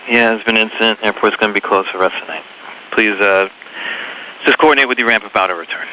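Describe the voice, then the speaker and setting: Man, air traffic controller, rapid-fire speech, static-laced radio, stressed and apologetic. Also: on the low side, sharp tone. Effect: heard over aviation radio with static bursts. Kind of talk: clipped radio instructions to pilots. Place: airport control tower. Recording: muffled radio transmission with faint hiss.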